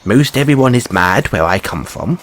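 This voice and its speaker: A man's voice: fairly low pitch, expressive, moderate pace, fairly bright tone, a little hiss or hum. A man playing an anxious, polite, whimsical rabbit boy in a fantasy audio roleplay, with stammered, courteous, old-fashioned phrasing. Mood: whimsical, musing. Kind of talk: theatrical fantasy audio roleplay addressed to listener.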